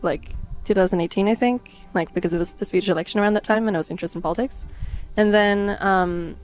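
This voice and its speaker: Quick-talking woman telling a story. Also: medium pitch, darkish tone. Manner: chatty, hesitant with fillers. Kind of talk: casual interview chat.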